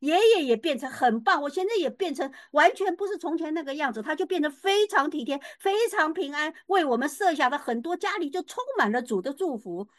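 Older woman testifying at church, fairly high voice, dry close sound, lively delivery. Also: brisk, few pauses, dry recording. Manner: animated, emphatic, many fillers and restarts. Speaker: church member giving testimony. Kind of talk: personal faith testimony.

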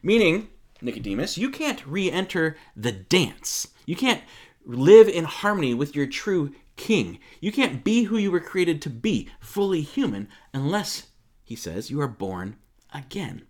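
A man preaching a sermon in a church. He talks in a relaxed, conversational way and explains with everyday examples. His voice swings widely in pitch as he tells the story. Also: measured pace. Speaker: pastor.

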